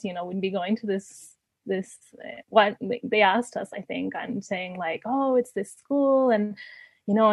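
A Canadian woman in her thirties chats as an interview guest, telling stories casually and conversationally, laughing often between fillers and restarts. Her voice is medium-pitched and a little mellow, and the recording is dry.

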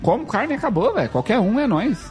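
A man's voice: extremely high pitch, big pitch swings, fast, soft background music. A Brazilian man with a Brazilian Portuguese accent in a casual group chat, blunt and teasing, cutting in often. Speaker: podcast co-host.

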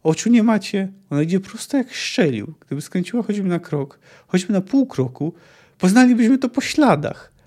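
A man's voice: sits high, animated, moderate pace, dark tone, pitched above the performer's own voice. A man voicing a bossy, impatient male mercenary leader in an audiobook-style reading, barking and scornful.

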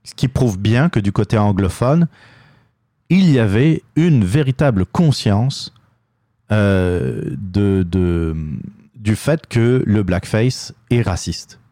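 A man's voice: fairly low pitch, animated, takes it slowly, dark tone, no room sound, clean studio sound. A man with a Québécois French accent hosting a political commentary show, talking in a hesitant monologue full of fillers and restarts. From Quebec. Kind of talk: opinion monologue.

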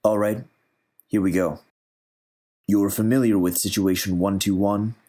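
A curt army general with a low, steady voice, read by a male narrator. He speaks plainly and briskly, without much color.

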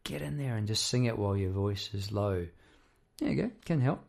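A man hosts a casual, reflective monologue as a working musician. His voice is croaky and gravelly, with plenty of fry. He speaks in a halting, rambling way, doubling back on his words as he thinks aloud. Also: fairly low pitch, a little mellow. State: croaky voice after poor sleep. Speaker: songwriter and musician hosting a half-hour talk.

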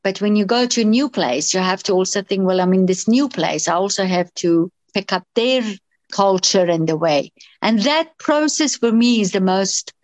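A woman's voice: mid-range voice, animated, normal speed, no room sound. A middle-aged woman from Iran, a doctor and interview guest, who answers with many fillers and restarts.

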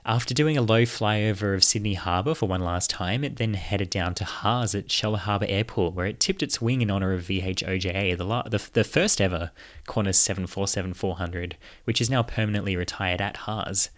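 A man's voice: sits low, fairly quick. A man hosting a show, delivering scripted narration. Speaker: podcast host.

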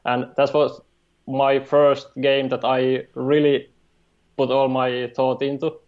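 A man from Finland with a Finnish accent, a game designer speaking as a guest in an interview, halting and hesitant, with many fillers. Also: medium pitch, flat delivery, narrow, tinny audio. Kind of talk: remote interview.

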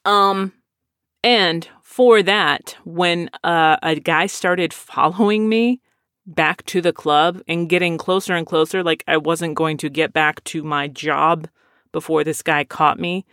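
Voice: mid-range voice, fairly even intonation, slow, bright, forceful tone, clear, resonant tone, no room sound, clean studio sound. A podcast host in their late thirties, chatting casually and answering listener questions in a self-deprecating, rambling way. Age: 30s. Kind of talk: casual chat.

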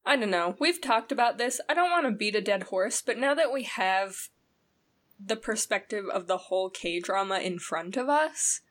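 A woman co-hosting a podcast in casual chat, rambling and animated with lots of fillers. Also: mid-range voice, normal speed. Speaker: podcast co-host.

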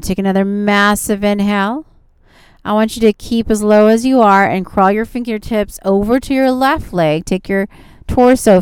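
Super smooth clear woman yoga teacher, soothing and encouraging, talking you thru stretches, pretty dry sound. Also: medium pitch, a little mellow, no room sound. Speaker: yoga instructor and show host. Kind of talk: guided yoga and relaxation instruction.

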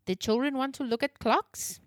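A cheerful old clockmaker with a heavy German accent, as a woman reader puts him on, speaking broken English in a high, eager voice. The storybook sound is dry and close. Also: moderate pace, dry recording, lightly acted. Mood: welcoming. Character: cheerful older male Swiss clockmaker. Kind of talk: storybook reading.

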